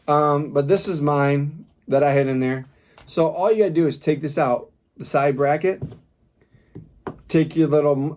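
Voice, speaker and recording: A man with a mid-range, darkish voice reviews a product casually and without a script, rambling in a plain-spoken, informal way. The recording is clear, though background noise and clicks come through.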